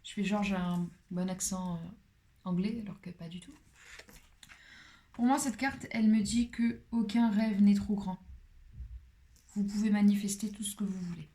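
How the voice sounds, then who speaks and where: Woman, mellow and warm, casual tarot reader, playful with whispered asides. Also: mid-range voice, normal speed, long pauses. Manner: chatty and playful, drops into soft whispered asides. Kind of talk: casual card-reading guidance.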